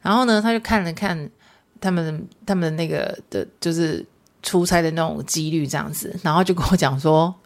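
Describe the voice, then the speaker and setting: A woman's voice: low-pitched, normal speed. A woman podcast host with a Taiwanese Mandarin accent, telling everyday stories in a chatty, casual monologue mixed with Hokkien phrases.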